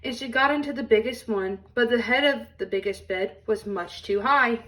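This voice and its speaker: A woman reading a children's storybook aloud in an expressive storytelling style. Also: fairly high pitch, moderate pace, recorded from a distance, slight background noise, rough recording.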